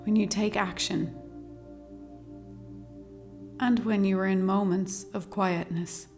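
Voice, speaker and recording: Leading a guided meditation, a woman speaks calmly and slowly at a medium pitch, measured and soothing, letting long pauses fall between phrases. Singing bowls ring within the meditation music behind her.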